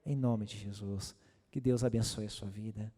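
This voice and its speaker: A man's voice: lowish voice, steady tone, normal speed, mellow, big-room sound. A man, a pastor, preaching a sermon and praying with repetitive, impassioned rising invocations. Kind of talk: sermon with fervent prayer.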